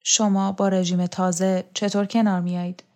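A woman's voice: mid-range voice, flat delivery, warm tone, lightly acted. A woman reading the part of an earnest, troubled young man with a questioning manner in an audiobook.

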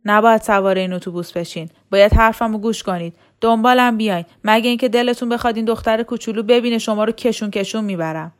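A woman's voice: a little high, few pauses, natural voice. A woman reading a storybook, voicing a burly male militia guard who barks brusque orders. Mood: threatening.

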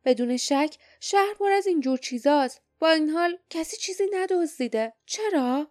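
A woman's voice: high voice, expressive, darkish tone, voice pushed up. Woman reading a wary male warrior.

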